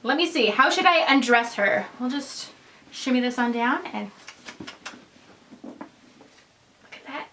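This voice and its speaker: Young woman vlogger, kinda high voice, excitable rambly unboxing chat, faint hiss behind. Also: unhurried, pauses often, rough recording. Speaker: fashion vlogger.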